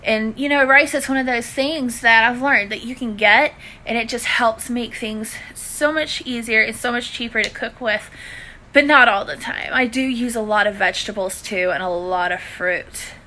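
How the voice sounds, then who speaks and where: A woman in her thirties from Louisiana, with a Southern US accent, hosts a cooking and budgeting live stream from her living room, chatting informally to viewers on a phone held at arm's length and using friendly endearments. Her voice is highish, bright and forceful, at a moderate pace.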